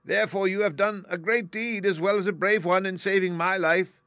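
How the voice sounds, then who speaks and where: A man voicing a tiny, proud female mouse queen with a squeaky little voice and an indignant, regal manner. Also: fairly even intonation, moderate pace, a bit bright, no room sound. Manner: indignant, regal, easily alarmed.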